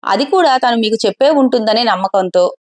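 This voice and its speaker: A grieving young husband, read by a woman in a storybook telling, guarded and quietly confessional. She keeps her own slightly high voice. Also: animated, a little fast, natural voice. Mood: sorrowful.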